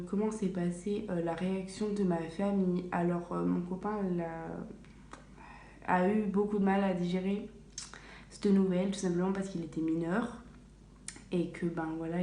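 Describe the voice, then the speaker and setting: A young woman tells a long story in a relaxed, rambling vlog, filling pauses and correcting herself often. Her voice sits a little low and sounds mellow. The small tiled bathroom around her rings with echo, and a faint hum runs underneath. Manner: chatty, many fillers and self-corrections. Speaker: vlogger. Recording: echoey bathroom, faint room ambience.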